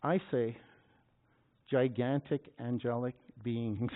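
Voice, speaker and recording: A man preaching a sermon, reading scripture and bursting into loud, dramatic cries at the high points. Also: fairly even intonation, slow. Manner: dramatic, shouting scripture at peaks. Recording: tinny phone-like sound.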